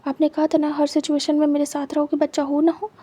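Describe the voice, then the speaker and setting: A woman voicing a hurt, jealous young man who talks to his husband in a quiet, reproachful way. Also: sits high, completely flat delivery, a little fast, lightly acted.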